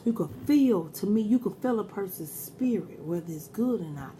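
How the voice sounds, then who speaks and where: A woman's voice: mid-range voice, expressive, moderate pace, mellow, slight background noise. A middle-aged woman chatting casually and giving earnest advice while eating crunchy fried chicken in a mukbang. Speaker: mukbang host.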